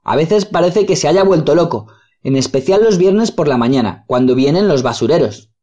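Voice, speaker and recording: A man's voice: fairly high pitch, animated, moderate pace, mellow, lo-fi sound, voice pushed up. A man doing an irritated, complaining housewife. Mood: annoyed. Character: irritated woman, arms crossed, complaining about the dog.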